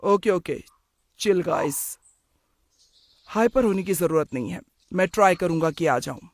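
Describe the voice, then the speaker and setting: A performer voicing a young man in an animated moral story who drops English slang and sounds casual and dismissive. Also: mid-range voice, a little slow, dry recording. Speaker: son.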